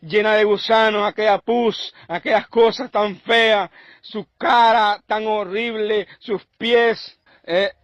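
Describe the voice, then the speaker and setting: A man with a high voice preaches his own testimony slowly and deliberately. He tells it intensely and circles back over his phrases. The recording is dull, lo-fi and dry. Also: fairly even intonation, fairly bright tone, no echo. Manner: intense, repetitive storytelling. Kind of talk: emotional testimony.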